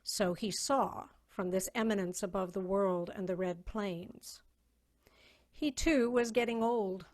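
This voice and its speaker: Over a video call, a woman gives a dramatic reading of a story, her delivery solemn, measured and theatrical. Her voice sits in the middle range with a somewhat dark tone.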